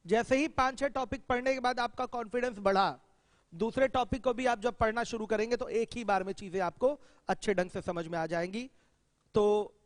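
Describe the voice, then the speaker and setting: A man's voice: very high voice, no room sound, long reverb tail. A man teaching a maths class, quizzing students with questions as he explains. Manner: addresses students directly with questions, emphatic. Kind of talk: classroom lecture.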